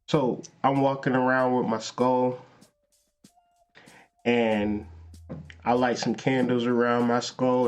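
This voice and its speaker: A man hosting a casual, lecture-style monologue, explaining in a slangy, conversational way with rhetorical questions. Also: mid-range voice. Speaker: host.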